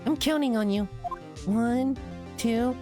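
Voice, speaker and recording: Lady doing a sweet young game sidekick girl, really high and eager, music under it. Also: takes it slowly. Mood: earnest.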